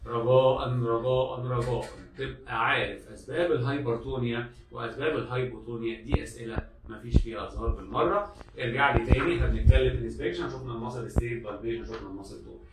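A man's voice: mid-range voice, very fast, distant mic, noisy background. A man with an Egyptian accent lecturing medical students, repeating key points and acting out the exam steps. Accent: Egyptian Arabic. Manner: repetitive, drilling students, acts out exam steps. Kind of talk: classroom lecture. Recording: echoey room, speaker off-mic.

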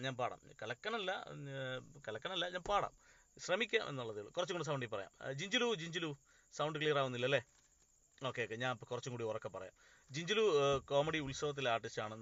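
A man's voice: medium pitch, gravelly, pushed and bright, no room sound, lo-fi sound. A male actor on a phone live stream, casually chatting, reading out comments and greeting viewers by name.

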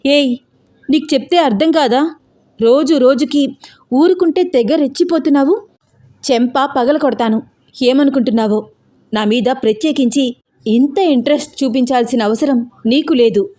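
A woman voicing a tearful, hot-tempered young woman who shouts and scolds. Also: high voice, normal speed, pauses often, pitched above the performer's own voice, lightly acted. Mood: furious. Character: young woman, fiery and tearful, quick to anger.

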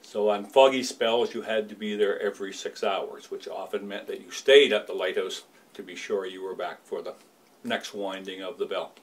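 A Canadian man in his fifties, a lighthouse keeper's son, calmly explaining and reminiscing in a small indoor room. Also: on the low side. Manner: measured, explanatory. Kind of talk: casual demonstration and reminiscence.

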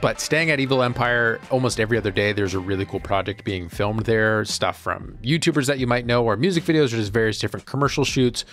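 A man in his thirties narrating his travel vlog in a relaxed, enthusiastic way. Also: mid-range voice, fast, hardly any pauses, soft background music. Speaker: vlogger. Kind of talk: casual voice-over narration.

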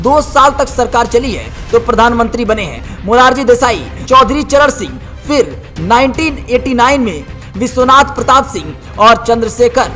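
A woman's voice: fairly high pitch, fairly bright tone. A woman narrating a scripted news report as a voice-over, with an emphatic, dramatic headline delivery.

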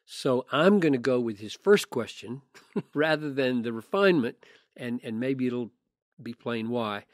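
Earnest older pastor, close dry sound. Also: male voice, mid-range voice, lively intonation, no echo. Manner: measured, earnest, restarts phrases. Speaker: pastor answering listener questions. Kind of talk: thoughtful podcast answer.

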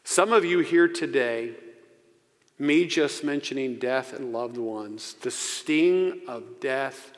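A man in his forties preaching a sermon into a pulpit microphone as pastor. He speaks earnestly and slows down to stress key phrases. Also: mid-range voice. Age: 40s. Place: church sanctuary. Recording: long church reverb.

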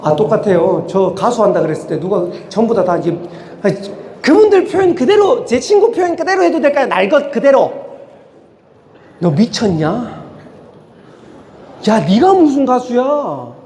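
High, lively man lecturing in a hall. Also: a little fast, slight background noise. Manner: animated, asks the audience rhetorical questions. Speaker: motivational speaker. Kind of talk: talk concert lecture. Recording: hall with long reverb.

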